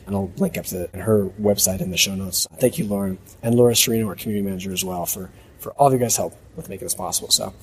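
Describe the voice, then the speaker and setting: A man with a fairly low voice and a husky smoker's rasp, worn hoarse. He speaks as a podcast host recording a casual spoken diary, thinking aloud in a halting, reflective way. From United States. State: hoarse voice from a long trip. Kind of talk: casual off-the-cuff audio diary.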